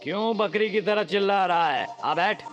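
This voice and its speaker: A man's voice: high voice, moderate pace, music in the background, lightly acted. A man dubbing a cocky young hero who taunts his enemies with cheeky mockery. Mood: mocking. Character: cocky young male hero, mocking, unbothered. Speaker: dubbing actor. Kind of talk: Hindi film dub. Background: film score.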